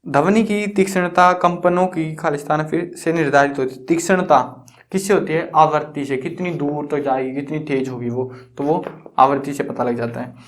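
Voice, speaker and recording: A man's voice: fairly high pitch, fairly even intonation, normal speed. A young man teaching school science in a chatty, teasing way, asking questions and answering them himself. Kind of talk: casual classroom explanation.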